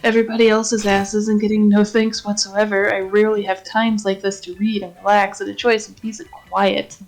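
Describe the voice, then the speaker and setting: A woman's voice: mid-range voice, level tone, brisk, close to an everyday voice, rough recording. A woman playing a weary, sarcastic heroine camper. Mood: wry.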